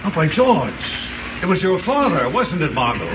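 A suave young gentleman hero in an old radio play, breezy and genteel. His fairly high, animated voice comes through a muffled, noisy recording. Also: moderate pace. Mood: breezy concern. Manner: genteel, teasing, reassuring. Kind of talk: 1930s radio drama acting.

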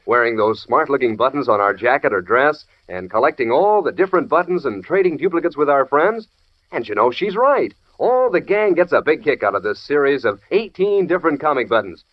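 A man announcing as a 1940s radio pitchman, chummy and enthusiastic, in a folksy sales style. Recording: dull lo-fi old radio recording.

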